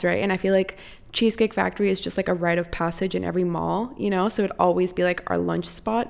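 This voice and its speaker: Chatty gravelly-voiced young woman podcaster. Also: on the low side. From Costa Rica. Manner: chatty, candid, swears freely. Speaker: podcast host. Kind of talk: casual solo podcast chat. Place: her apartment.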